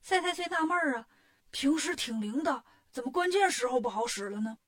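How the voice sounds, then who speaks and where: A woman narrating a children's story in a lively, sing-song, expressive way. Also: high-pitched, fairly quick.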